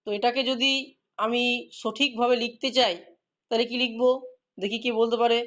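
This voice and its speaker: A woman teacher leads a classroom lesson, explaining patiently and quizzing her students as she goes. Her voice sits a little high. The recording is dull and lo-fi. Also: steady tone, moderate pace, a bit bright. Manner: explains patiently, asks students questions and praises answers.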